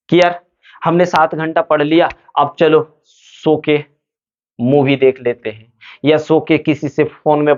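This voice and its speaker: A man's voice: on the high side, highs cut off. A man giving motivational study advice to students, asking questions and answering them himself.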